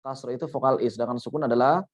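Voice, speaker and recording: A man's voice: medium pitch, fairly even intonation, racing. A man teaching Quran recitation in an online workshop, patiently explaining with repeated examples.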